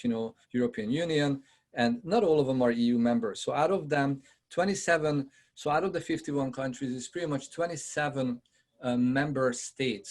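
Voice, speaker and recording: His medium-pitched voice is a little mellow, carrying a Hungarian accent from his home country. In a conversational video-call presentation for realtors, he regularly fills pauses and turns questions toward the audience.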